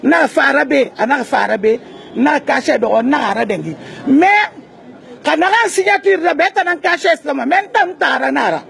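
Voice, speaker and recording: Woman, very high creaky voice, halting bilingual account, faint crowd behind. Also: a bit bright. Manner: halting, switches between two languages.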